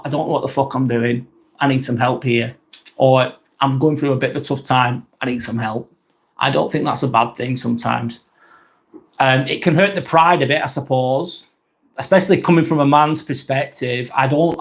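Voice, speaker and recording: In casual live-stream talk, a Lancashire man from England's northwest rambles bluntly, cursing casually and frequently starting his sentences over. His voice is gravelly and mid-range.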